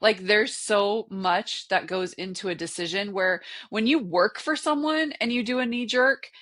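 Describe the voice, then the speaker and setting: A woman's voice: medium pitch, unhurried, a bit bright. A woman in her sixties co-hosting a casual podcast chat, teasing and motherly, often laughing. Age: 60s. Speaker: podcast co-host.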